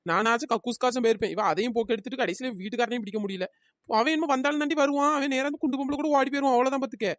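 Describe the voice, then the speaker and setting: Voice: high voice, steady tone, rapid-fire, a bit bright. A performer doing a whiny grumbling cartoon friend. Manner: whiny, complaining, sarcastic. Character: grumbling woman friend driving the scooter. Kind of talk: cartoon comedy voice acting.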